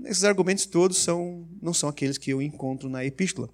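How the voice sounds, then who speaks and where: Emphatic high-voiced preacher. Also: male voice, quick pace. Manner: energetic, emphatic, rhetorical questions. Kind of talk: sermon.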